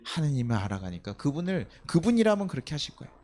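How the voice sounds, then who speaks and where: A man's voice: a little high, fast. A man, a pastor, preaching a night-service sermon in a church, firing off rhetorical questions to the congregation. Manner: animated, many rhetorical questions, acts out quoted speech. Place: church sanctuary.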